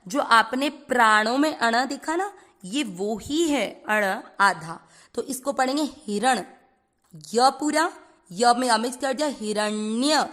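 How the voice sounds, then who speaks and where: A woman teaching Sanskrit pronunciation. She breaks each word into syllables and then chants the whole verse slowly, mixing English words into her Hindi. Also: on the high side, a bit bright. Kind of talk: slow syllable-by-syllable recitation lesson.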